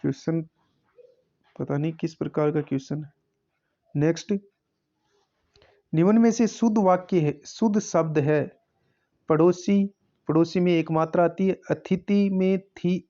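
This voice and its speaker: Mellow-voiced Hindi exam tutor. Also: male voice, on the high side, highs cut off. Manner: methodical, repeats each answer. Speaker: teacher. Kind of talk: exam paper solving lesson.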